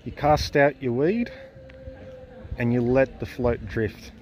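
A man's voice: medium pitch, slow pace, a little mellow, highs cut off. An enthusiastic Australian man in his thirties narrates a casual fishing vlog from a riverside jetty. He explains things plainly and keeps praising his catch. Faint outdoor water noise sits under his voice. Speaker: fishing vlogger. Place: parked car, then outdoors on a river jetty.

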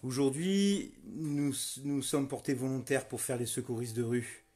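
A man's voice: medium pitch, fairly even intonation, measured pace, husky. A middle-aged man, a volunteer street medic, telling what happened to him in a heated, repetitive first-person testimony. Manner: starts subdued, grows loud and furious, repeats himself.

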